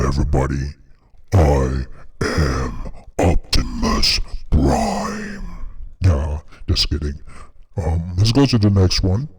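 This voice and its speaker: A man demonstrating gear, talking slowly and plainly while his voice runs through a pitch-shifting voice changer. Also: a little mellow, long reverb tail. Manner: slow, plain explaining. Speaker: product reviewer.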